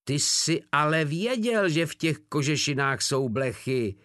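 A man's voice: a little high, expressive, fairly bright tone, no echo, studio quality, voice pushed up. A man voicing a brutish male gang boss who rages and spits out threats through gritted teeth. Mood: furious.

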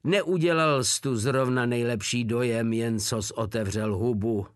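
A man's voice: mid-range voice, fairly even intonation, no room sound, clean studio sound, close to an everyday voice. A man voicing a sly, wisecracking male soldier who talks down to his rival in a mocking, mock-fatherly tone. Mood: scornful. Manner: condescending, mock-fatherly teasing.

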